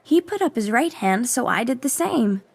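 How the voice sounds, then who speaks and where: A woman's voice: on the high side, big pitch swings, moderate pace, creaky, husky, exaggerated voice. A woman playing a mild, earnest young thief in a cartoon dub, polite and plain-spoken. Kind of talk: animated dub dialogue.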